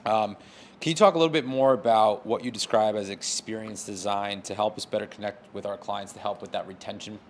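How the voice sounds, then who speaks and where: Casual man moderating a Q&A, low voice. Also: steady tone, fairly quick, slight background noise. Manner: casual, friendly, checks in with the audience. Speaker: workshop moderator. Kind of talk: asking questions in a Q&A.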